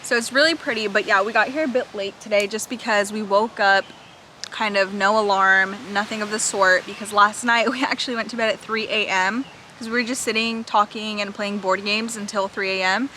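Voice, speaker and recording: Bright chatty young woman vlogging. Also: medium pitch, steady tone, fairly quick, a little hiss or hum, rough recording. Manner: chatty, rambling, fillers like "like". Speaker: book vlogger. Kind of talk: casual vlog chat. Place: outdoors at a beach.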